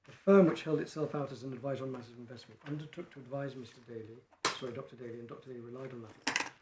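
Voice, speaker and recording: A barrister making a measured legal argument in court, reading quoted passages from judgments. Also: male voice, medium pitch, a crowd in the background. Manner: measured, reads quotations from case law. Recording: echoey courtroom, faint noise.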